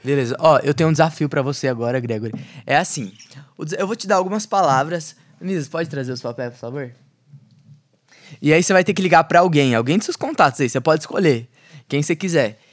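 A man's voice: on the high side, quick pace. A man hosting a podcast, friendly as he explains a game step by step. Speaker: podcast host.

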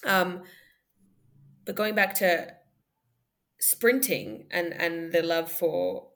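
A woman with a low-pitched voice, raised in Australia, speaks as a podcast guest. She reflects thoughtfully and in an unhurried way, with many ums and self-corrections. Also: sing-song, fairly bright tone. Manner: thoughtful, frequent ums and restarts, light laughter. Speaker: podcast guest, former sprinter. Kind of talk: reflective conversational interview.

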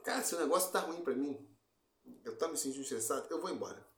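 Man, casual chat, blunt and profane, slightly high voice, roomy echo. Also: lively intonation, fast. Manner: blunt and profane, many restarts. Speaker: podcast co-host.

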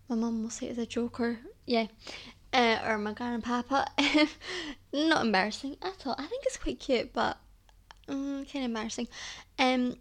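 A Scottish woman in her twenties hosting a solo podcast, chatting casually in a rambling way with lots of "like" and "um". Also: fairly high pitch. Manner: chatty, rambling, heavy use of "like" and "um". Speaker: podcast host.

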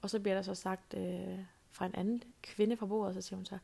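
A woman's voice: medium pitch, little pitch movement, gravelly, mellow, slightly rough. Chatty woman telling a story. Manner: chatty anecdotal storyteller, many fillers. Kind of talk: casual storytelling monologue.

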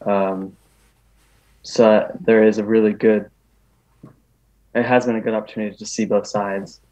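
Low-voiced man on a dull lo-fi recording. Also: little pitch movement, a little slow, darkish tone. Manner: hesitant, many ums and restarts. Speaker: interview guest, photographer. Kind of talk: casual interview talk. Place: New York.

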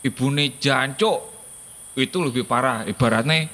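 A man's voice: mid-range voice, a little slow, in a large hall, noisy background. A man in casual chat, patiently explaining what words mean and how they are said. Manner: patient, explains word meanings. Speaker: guest explaining Javanese words.

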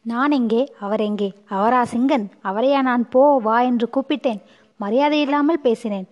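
A woman's voice: on the high side, normal speed, in a large hall, lo-fi sound, lightly acted. A woman reading as a lovesick young courtesan. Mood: longing. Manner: pleading inner monologue. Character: lovesick young courtesan girl, anxious and self-doubting.

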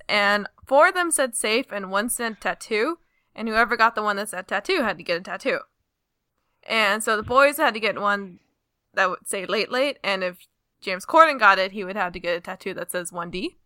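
A woman's voice: mid-range voice, pushed and bright, smooth, dry recording. A young woman co-hosting a podcast, telling stories in a bubbly, gushing way. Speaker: podcast co-host. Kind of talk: casual chat.

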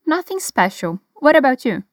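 Encouraging Brazilian teacher drilling English phrases. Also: female voice, high voice, sing-song, no echo, studio quality. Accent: Brazilian Portuguese. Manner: slow, careful pronunciation of model phrases. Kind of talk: language lesson with repeat-after-me drills.

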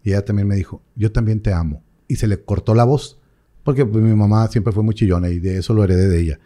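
A man's voice: on the low side, steady tone, quick pace, mellow. A priest telling a personal story in an interview, with strong feeling and his voice sometimes rising. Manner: talks with feeling, voice rising and breaking at moments, quoting others.

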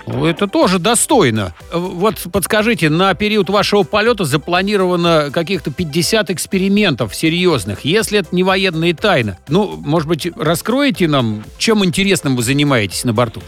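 A man's voice: high-pitched, big pitch swings, brisk, few pauses, a bit bright, faint music behind. A man hosting a live radio interview in a jocular, conversational manner. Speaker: radio show host.

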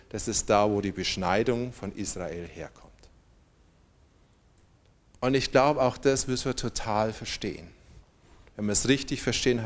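A man preaching a sermon, reading scripture aloud with strong emphasis and calling on the congregation to respond. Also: mid-range voice.

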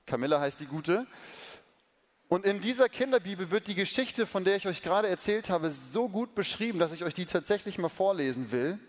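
A man's voice: high voice, animated, fairly quick. A man preaching a sermon earnestly, talking straight to his listeners and asking them questions. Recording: long reverb of a large hall.

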